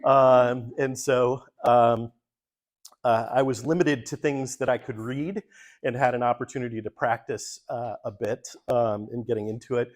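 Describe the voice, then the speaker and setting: At a church forum, a man who is a pastor walks through his slides in a relaxed, casual manner, peppering his talk with frequent ums and uhs. English is his first language, and his medium-pitched voice moves at a measured pace.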